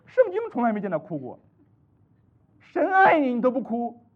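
A man from China preaching a sermon, full of rhetorical questions, swinging between loud exclamations and hushed asides. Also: extremely high pitch, huge pitch swings, moderate pace. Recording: tinny phone-like recording.

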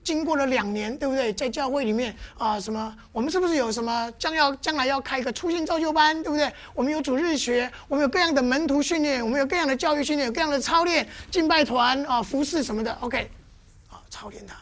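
A high-pitched woman teaches in a church, firing questions at her listeners and acting out little scenes. Her delivery is lively and interactive, like a teacher coaxing answers from a class. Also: fast talker, few pauses. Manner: constantly quizzes the audience with questions; lively, with playful demonstrations.

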